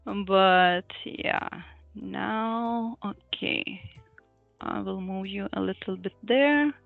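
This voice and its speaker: Giving an online user group presentation on a video call, a Lithuanian woman sounds hesitant, using many fillers and small laughs. Her mid-range voice moves very slowly with vocal fry, and the recording is dry, thin and phone-like, with faint music.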